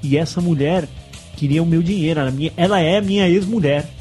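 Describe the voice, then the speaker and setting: A man's voice: fairly high pitch, brisk, darkish tone, faint music behind. A man casually telling an anecdote in a podcast chat, acting out the quoted lines and laughing often. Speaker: podcast guest telling a story.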